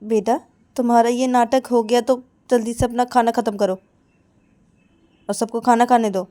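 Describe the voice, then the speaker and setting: Brief: a middle-aged mother, coaxing and questioning, mellow tone, a woman narrator voicing her. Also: a little high, steady tone, moderate pace, voice pushed up, close to an everyday voice.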